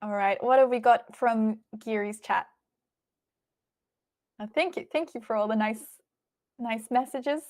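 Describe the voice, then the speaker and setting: Casting: female livestream host, Australian accent, slightly high voice, informal off-the-cuff chat. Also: unhurried, pauses often, darkish tone. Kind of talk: casual livestream chat, reading and answering viewer messages.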